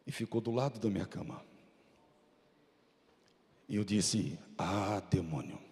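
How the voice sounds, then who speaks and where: Fervent Brazilian pastor in an echoing church. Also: male voice, fairly low pitch, creaky, darkish tone. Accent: Brazilian Portuguese. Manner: fervent, dramatic storytelling preaching. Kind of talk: sermon. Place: church sanctuary. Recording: reverberant church hall.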